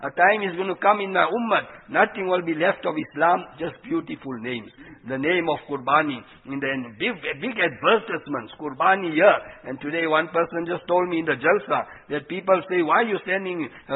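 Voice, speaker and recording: A man's voice: a little high, a little fast, hardly any pauses, husky. A man giving an informal, earnest Islamic sermon, teaching through rhetorical questions and explained quotations. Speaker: Islamic preacher. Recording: dull, lo-fi radio-like sound.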